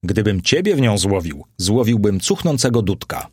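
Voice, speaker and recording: A bitter, cowardly old Greek man in an audiobook, read by a man. He fires back spiteful insults in a deep, husky voice. The sound is dry and close. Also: very animated, moderate pace, darkish tone, dry recording. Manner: snapping back with spiteful retorts.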